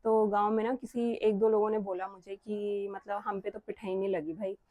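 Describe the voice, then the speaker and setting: A woman's voice: medium pitch, flat delivery, moderate pace, mellow, dry recording. Earnest young woman vlogger. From Uttarakhand, India. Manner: earnest, chatty, scolding rhetorical questions. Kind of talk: casual vlog talk to camera.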